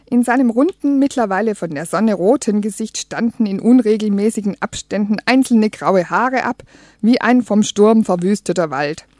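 A woman's voice: medium pitch, a little mellow, dry recording. A woman reading a humorous first-person story aloud as an audiobook, with a wry, dry comic delivery. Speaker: audiobook reader.

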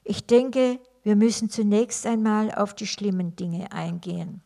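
A woman's voice: medium pitch, a little slow, creaky, dark tone. A woman reading aloud, voicing a stiff, formal older male cardinal. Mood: grave.

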